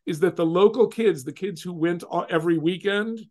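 A middle-aged man from California telling a personal story in casual talk, animated and acting out the voices of others. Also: sits high, a little fast. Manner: animated, acts out quoted voices.

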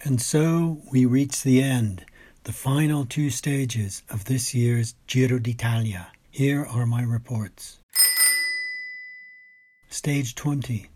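A food, wine and travel writer reads a scripted cycling race report, telling it like a dramatic literary story. His voice is mid-range and warm with a slight roughness.

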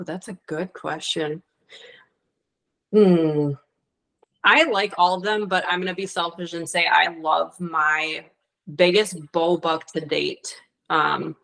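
A woman's voice: fairly low pitch, vocal fry, fairly bright tone, rough recording. A woman guest on a podcast, answering in a candid, easygoing way about hunting and dog training. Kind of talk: casual interview chat.

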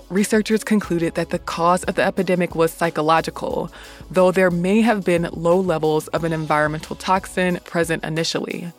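A woman hosting a podcast reads scripted history in a measured, deliberate way, sounding muffled as if recorded in a closet. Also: lowish voice. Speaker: podcast host. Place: small home closet. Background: music.

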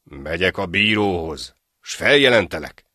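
A male storyteller voicing a greedy innkeeper who reckons his sums slowly and grumbles threats. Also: low voice, expressive, sharp tone, no room sound, clean studio sound, full character voice. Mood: gruff.

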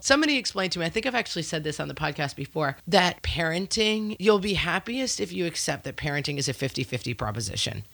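A woman's voice: deep voice, a bit bright, dry recording. Woman in her forties with stuffy nose. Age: 40s. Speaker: podcast co-host. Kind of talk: casual chat.

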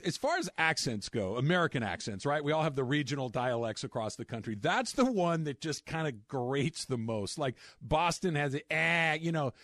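A man's voice: mid-range voice, animated, moderate pace, few pauses, a bit bright, no echo. A man hosting a casual sports talk show, chatty and joking, often restarting his sentences. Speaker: sports radio host.

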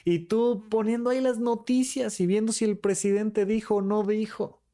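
On his podcast, a man chats informally about relationships and mimics arguing couples with rapid quoted lines. His delivery is animated, his pitch jumping high and low.

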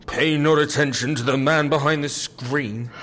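A man's voice: a little high, steady tone, moderate pace, a bit bright, natural voice. An actor with a British accent playing a lazy, sarcastic male captive, dismissive and drawling. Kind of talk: audio drama acting.

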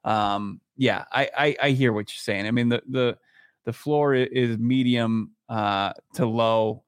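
A man's voice: medium pitch, unhurried, smooth, dry recording, studio quality. A man co-hosting a sports podcast, chatting casually and thinking aloud with frequent restarts. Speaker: podcast co-host.

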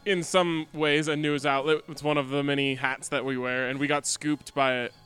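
A man with a bright, crisp and slightly high voice chats casually on a podcast panel, telling anecdotes as he goes. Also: flat delivery, normal speed. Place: bar under construction.

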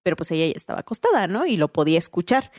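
A woman with a Mexican accent, telling a story in a casual, animated way, full of slang and tag questions. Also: fairly low pitch, very fast, dry recording, studio quality. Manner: animated, slangy, tags lines with "¿no?" and "güey".

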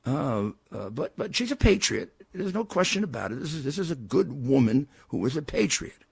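A man's voice: on the high side, big pitch swings, normal speed, creaky, husky, no room sound. An older man hosting a political talk show, giving a blunt, combative commentary monologue with frequent stammered restarts.

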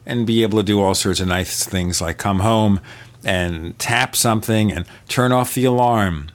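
A man's voice: lowish voice, moderate pace. A man hosting a podcast, chatting casually and asking his guest questions. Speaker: podcast host. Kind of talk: casual interview chat.

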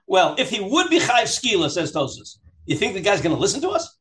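High-voiced man teaching. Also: brisk, reverberant. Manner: animated, questioning, acts out examples in dialogue. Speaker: rabbi teaching a Talmud class. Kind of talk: interactive text lesson, reading aloud and explaining.

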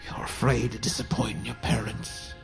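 An actor playing a hungry male demon storyteller who gloats and savors every word, slow and menacing. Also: fairly low pitch, little pitch movement, over music, lightly acted. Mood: gloating. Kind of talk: horror film acting.

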